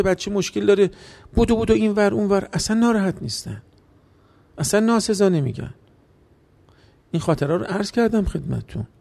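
A man preaching a sermon, moving from hushed storytelling to emotional, near-tearful outbursts in rhythmic, repeated phrases. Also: on the high side, creaky.

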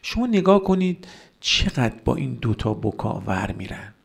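A man's voice: mid-range voice, sing-song, gravelly, breathy edge. A man giving a religious sermon, arguing with rhetorical questions and mocking the views he rejects. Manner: argumentative, rhetorical questions, mocking quoted voices. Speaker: cleric.

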